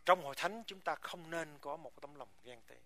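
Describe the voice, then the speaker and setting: A man's voice: fairly high pitch, normal speed, a bit bright. A man preaching a sermon to his congregation, emphatic and full of rhetorical questions. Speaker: pastor.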